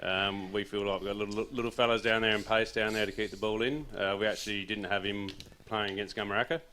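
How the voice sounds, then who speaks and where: An assistant footy coach with an Australian accent chats casually in an interview, rambling a little and mentioning that he has a loud voice. He talks fast in a fairly low pitch, with slight background noise, and comes across as relaxed.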